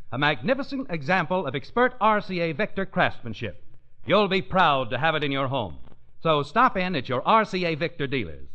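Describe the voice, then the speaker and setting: A man's voice: sits high, a bit bright. A man announcing a chipper 1950s radio advertisement in a polished, emphatic salesman's delivery. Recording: dull vintage radio broadcast, music behind.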